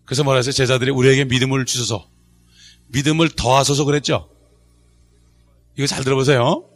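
A man's voice: medium pitch, steady tone, brisk. A middle-aged male pastor preaching a Bible study sermon, quizzing the congregation and joking with them. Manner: call-and-response preaching, asks the congregation questions; jokes and laughs with the congregation.

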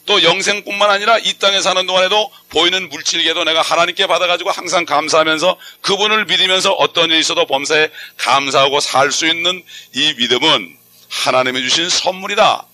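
A man's voice: on the high side, pushed and bright. A man preaching a sermon in a conversational style, often asking his listeners rhetorical questions. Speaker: pastor.

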